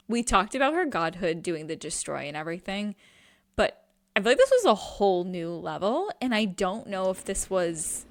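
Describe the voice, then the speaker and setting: A young woman co-hosting a podcast, chatting casually about a book series and swearing freely. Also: mid-range voice. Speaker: podcast co-host.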